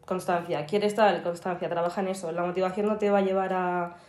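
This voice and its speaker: A woman's voice: lowish voice, fairly even intonation, brisk, darkish tone. A young woman, a guest in a casual podcast chat, talking with lots of fillers. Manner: chatty, filler-heavy. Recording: echoey room.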